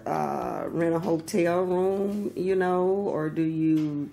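A woman interviewing a guest, asking meandering, halting questions. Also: fairly low pitch, vocal fry, mellow, soft background music. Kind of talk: conversational interview.

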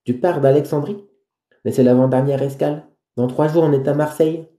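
A man voicing a young woman who talks warmly with her close friend. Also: mid-range voice, steady tone, fast talker, lightly acted. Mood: friendly. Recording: roomy echo.

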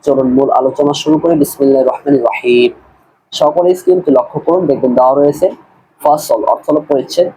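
A man's voice: fairly high pitch, darkish tone, a little hiss or hum, rough recording. A man teaching a recorded class, patiently translating a text word by word, repeating and correcting pronunciation. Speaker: madrasa grammar teacher. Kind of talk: screen-based recorded class, line-by-line translation.

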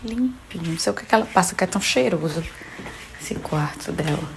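A woman's voice: on the low side, expressive, brisk, creaky, noisy background. A woman, chatting casually to camera at home as she shows things off. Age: 30s. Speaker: digital influencer. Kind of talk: casual vlog chat. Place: bedroom at home. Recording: echoey room.

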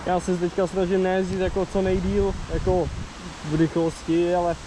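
Young guy on a motorbike, helmet cam, swears a lot, wind blasting the mic. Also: high voice. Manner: swearing, excitable, chatty. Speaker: motovlogger. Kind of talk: casual helmet-cam commentary. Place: outdoors riding a motorcycle. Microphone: helmet-mounted camera mic. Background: wind and motorcycle engine.

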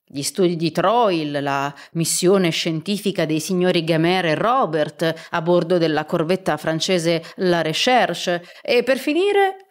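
A woman's voice: mid-range voice, lightly acted. A woman voicing a courteous, learned male professor in a storybook reading, explaining politely.

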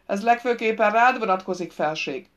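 A woman shouting as a menacing male thief. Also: medium pitch, close to an everyday voice. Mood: threatening shout. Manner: shouted commands, threatening.

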